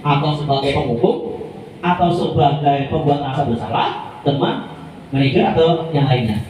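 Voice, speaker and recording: A man's voice: fairly high pitch, moderate pace, a little mellow, a little hiss or hum. A man leading a workshop for teachers, chatty and informal, often turning to the audience and acting out how teachers talk. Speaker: teacher trainer presenting to teachers. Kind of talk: lively workshop presentation. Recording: echoey room recorded from a distance.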